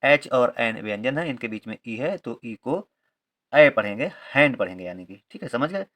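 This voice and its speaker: A man with a medium-pitched, slightly bright and expressive voice teaches English reading rules at a normal speed in a Hindi-medium lesson. Patiently, he spells out words one letter at a time, going over every point again with an aside to confirm it.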